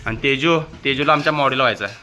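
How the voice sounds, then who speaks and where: Bright-voiced village vlogger teasing kids. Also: male voice, medium pitch, rapid-fire, faint music behind. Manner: teasing, coaxing shy children. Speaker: vlogger interviewing family kids. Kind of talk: casual family vlog chat. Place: family home in a village.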